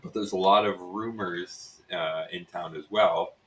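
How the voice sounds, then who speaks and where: A man narrating as game master, relaxed and halting, with many fillers. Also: low-pitched, background noise.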